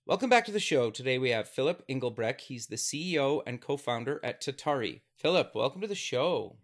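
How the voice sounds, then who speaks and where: A man's voice: medium pitch, very animated, brisk. A man hosting an interview show, upbeat, asking questions and dropping short interjections. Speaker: show host. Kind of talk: casual interview talk and read sponsor ad.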